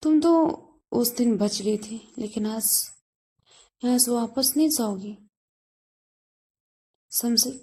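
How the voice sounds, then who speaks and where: A woman's voice: fairly high pitch, slow pace, long pauses, mellow, husky, full character voice. A woman doing a menacing brother making threats. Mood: threatening. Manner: taunting threats.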